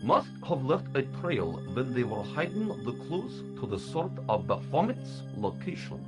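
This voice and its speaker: A fussy professor in a video game's secret order. His pitch rises and falls a lot as he gives wordy, defensive explanations. Music plays clearly behind him. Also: very animated, unhurried.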